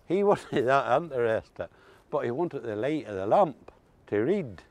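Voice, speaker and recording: Older Ulster Scots man, very lively pitch. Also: a little slow, no echo. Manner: folksy, dialect-rich storytelling. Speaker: interviewee recalling old country life. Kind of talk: casual reminiscing chat.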